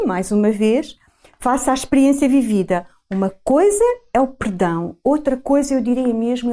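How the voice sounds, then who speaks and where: A woman's voice: on the high side, warm tone. A woman with a European Portuguese accent, a guest explaining her reflections, repeating phrases for emphasis. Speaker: interview guest.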